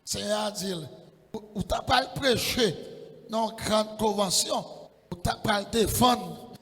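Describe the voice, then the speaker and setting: A man preaching a sermon in church, impassioned and often breaking into shouted, sing-song calls. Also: high voice, takes it slowly, in a large hall.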